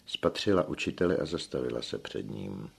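Super deep gravelly guy reading a novel, husky, steady. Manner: steady storytelling. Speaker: audiobook narrator. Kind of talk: scripted narration.

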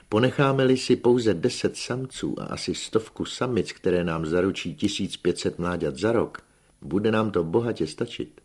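A self-assured hunchback holds forth about his grand plans in a raised, insistent tone, as a male narrator puts him on. The voice is husky and fairly deep under the lift, with lecturing emphasis on every point. An audiobook reading. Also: a little mellow. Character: pompous scheming middle-aged male hunchback rabbit breeder.

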